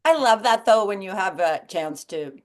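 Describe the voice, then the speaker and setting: A middle-aged woman from Sweden, a podcast guest in casual chat, friendly and quick to laugh, with many fillers. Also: medium pitch, animated.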